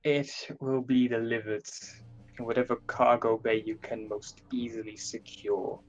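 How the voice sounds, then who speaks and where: A man playing a lordly inquisitor who speaks in formal, measured, deliberate commands. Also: medium pitch, level tone, dull audio, lightly acted. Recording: music playing behind the voice.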